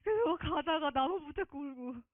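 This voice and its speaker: A woman's voice: high-pitched, expressive, brisk, no echo. A woman giving an earnest, emotional personal faith testimony, often close to tears. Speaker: testimony speaker. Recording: tinny phone-like dry sound.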